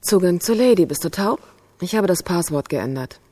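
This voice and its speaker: A woman's voice: fairly low pitch, animated, moderate pace, dark tone. An actress playing a jealous, suspicious female computer program who is a virtual lover, in a radio play. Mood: cold. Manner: accusing, jealous, interrogating.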